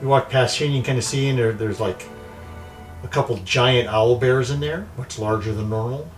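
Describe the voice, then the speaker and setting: A man's voice: medium pitch, normal speed, low-quality recording. A man narrating as game master in a tabletop game, describing scenes loosely with many fillers. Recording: mic set back, faint music.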